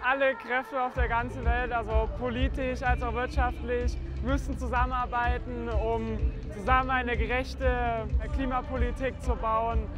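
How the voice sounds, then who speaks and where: A man's voice: extremely high pitch, level tone, a little slow. A young man, a climate protester, speaking urgently in an outdoor street interview. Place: large plaza outdoors. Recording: outdoors with crowd and music.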